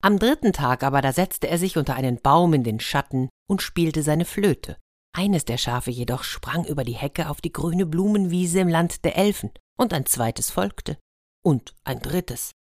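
A woman reading a German fairy tale aloud with lively, dramatic pauses. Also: low-pitched, dry recording, studio quality. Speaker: storyteller.

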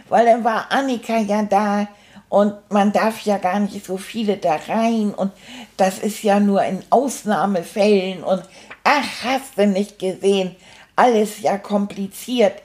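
A woman voicing a cheerful, cheeky male stuffed toy rat, retelling events in a chatty, rambling, fond way. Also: medium pitch. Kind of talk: first-person storytelling.

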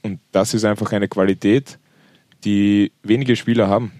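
Man, low voice, earnest co-host, dry sound. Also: steady tone, moderate pace, darkish tone, no echo. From Vienna. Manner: earnest, emphatic. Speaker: podcast co-host. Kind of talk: casual sports podcast chat.

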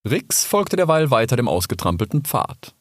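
A man reading a children's storybook aloud in an expressive voice. His pitch moves a lot as he tells the story. The sound is dry and close to the mic. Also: normal speed, dry recording. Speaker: audiobook narrator. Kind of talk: storybook narration.

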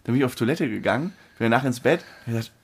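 A man co-hosting a podcast, chatting casually and telling his stories with excitement. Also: medium pitch, rapid-fire, husky. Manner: excitable storytelling, laughs often. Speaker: podcast co-host. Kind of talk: casual chat.

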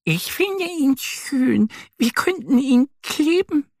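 A man voicing a gentle little girl duck in a children's storybook, speaking softly and kindly. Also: very high voice, lively intonation, slow, dry recording, pitched above the performer's own voice, exaggerated voice. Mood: comforting. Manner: soft, comforting, kindly.

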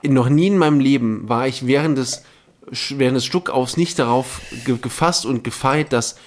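A man's voice: mid-range voice, normal speed. A young man co-hosting a casual podcast with his partner, teasing and arguing in jest. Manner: teasing, mock-argumentative. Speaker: podcast co-host. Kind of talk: casual couple chat.

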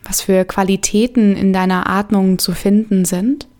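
Woman doing a guided meditation, soft soothing voice, medium pitch, gentle pauses. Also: steady tone.

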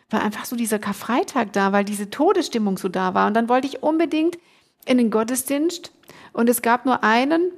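A middle-aged woman appearing as a podcast guest earnestly tells a personal story in casual conversation, emotional and restarting often. Her voice is on the high side.

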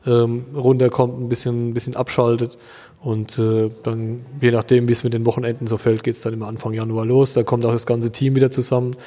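A man in his thirties from Germany, a winemaker answering interview questions in a relaxed, hesitant way with many fillers. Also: medium pitch, a little fast, in a large hall. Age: 30s.

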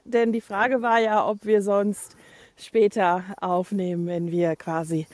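A woman's voice: medium pitch, level tone, takes it slowly, darkish tone, no room sound. A woman co-hosting a casual podcast chat while out on a walk, her mic crackling and distorting as she moves and laughing now and then. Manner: talking while out walking, laughs often. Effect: crackling, distorted mic from walking. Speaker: podcast co-host. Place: outdoors by a small lake. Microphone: mobile mic carried while walking.

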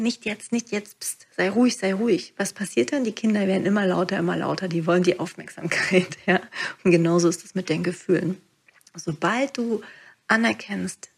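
A woman and meditation teacher talking calmly through a podcast monologue, guiding the listener and dropping to soft whispers on key phrases. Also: mid-range voice, creaky, husky.

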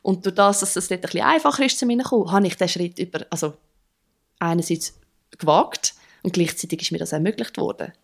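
Chatting as an interview guest, this young drummer speaks with a Swiss German accent in a rather low, gravelly voice at a quick clip. The conversation is relaxed, and she frequently laughs and starts sentences over.

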